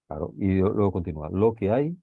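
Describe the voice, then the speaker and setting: Man, teacher, explaining a text in class, low voice, dull dry recording, keeps asking if students follow. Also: animated, brisk, vocal fry, slightly rough, dry recording. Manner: checks understanding with frequent tag questions.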